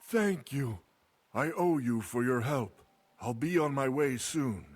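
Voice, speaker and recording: A man's voice: medium pitch, lively intonation, slow pace, a little hiss or hum. An actor playing a male villager separated from his people in a video game, speaking with worry. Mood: worried. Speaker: game character.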